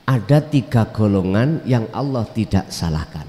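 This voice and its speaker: A man teaching as a spiritual guide, measured in his words and quick to give short polite affirmations. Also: on the low side, expressive, warm tone. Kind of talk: religious teaching. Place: study hall at an Islamic boarding school. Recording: long reverb.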